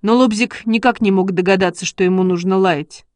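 A woman narrating a children's story in a lively storytelling manner. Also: mid-range voice, brisk, dry recording. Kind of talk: storybook reading.

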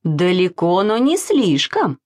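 A woman doing a gently scolding mother. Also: fairly low pitch, wildly swooping pitch, slow pace, heavily acted. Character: patient mother, mildly scolding.

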